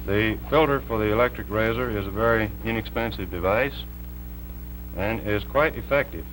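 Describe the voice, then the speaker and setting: Man explaining tech stuff on a 1950s tv broadcast, lowish voice, slight hiss behind. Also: a bit bright, low-quality recording. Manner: measured, plain technical explaining. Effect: 1950s TV broadcast sound. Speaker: electrical engineer demonstrating TV interference. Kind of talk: explanatory on-air demonstration.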